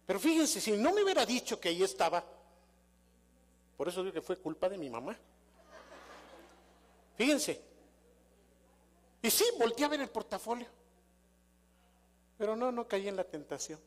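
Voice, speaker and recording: An older man with a Mexican accent preaches in a high-pitched voice. He tells stories in a conversational way and keeps asking his congregation questions. His voice rings with a long reverb through the church hall. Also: very animated, moderate pace, long pauses. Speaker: pastor. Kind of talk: sermon. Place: church sanctuary.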